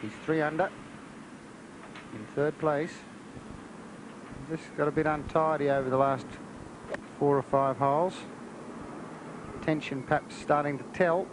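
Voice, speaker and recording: A man's voice: fairly high pitch, steady tone, measured pace, long pauses. A man giving golf commentary on a television broadcast. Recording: noisy outdoor 1980s TV broadcast.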